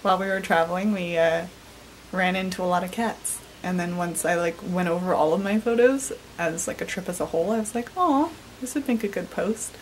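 In her bedroom, a young woman in her twenties chats casually to a handheld camera held at arm's length, filling her vlog with lots of "like" and "um." Her voice is lowish and brisk. The recording is low quality, with a faint hiss or hum.

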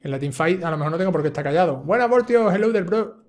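Excitable Spanish gaming streamer. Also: male voice, sits high, quick pace. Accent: Spain Spanish. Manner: excitable, swearing, yelling when startled. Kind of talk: live gameplay commentary.

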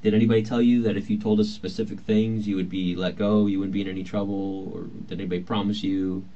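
A man with a fairly low, dark-toned voice talks fast and flatly as a police detective in an interview room. He keeps things polite, procedural and reassuring, and the old interrogation tape sounds muffled and lo-fi with faint hiss.

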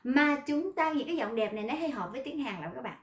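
A woman whose first language is Vietnamese teaches Korean pronunciation in an online class, her voice a little high. She explains with lively energy and slows right down to model each sentence. The sound has a roomy echo around it. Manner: lively, switches between explaining and slow model readings.

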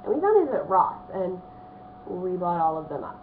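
A young woman with a slightly hoarse voice from a cold, chatting casually at her desk at home in a rambling vlog, with lots of ums. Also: fairly low pitch, very animated, moderate pace. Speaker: vlogger. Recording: phone-like narrow band, faint hiss.

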